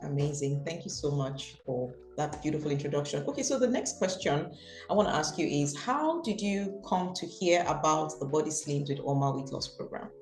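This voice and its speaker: A woman's voice: low-pitched, sing-song, normal speed, a little mellow, echoey room, soft background music. A woman hosting an interview as a weight-loss coach, effusive and welcoming toward her guest.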